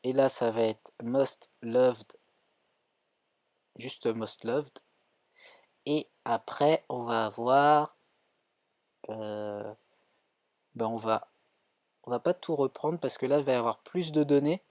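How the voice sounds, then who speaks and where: A man's voice: mid-range voice, slow pace, long pauses, darkish tone, no echo. A man with a French accent teaching a live coding tutorial, thinking aloud with many fillers and self-corrections. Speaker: coding instructor streaming.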